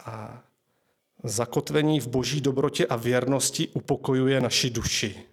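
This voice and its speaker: A man preaching a sermon, reading scripture aloud in a measured, slow way and then sharing an earnest personal testimony. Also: mid-range voice, fairly even intonation, husky.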